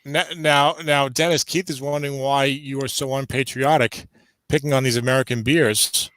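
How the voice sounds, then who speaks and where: A man's voice: mid-range voice, steady tone, moderate pace, a bit bright, no echo. A man hosting a casual league chat, teasing his friends with stammering starts.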